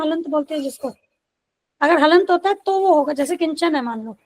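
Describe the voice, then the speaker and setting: High-voiced woman teaching scripture reading. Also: rough recording. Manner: patient, keeps checking in with listeners; reads English passages slowly and deliberately.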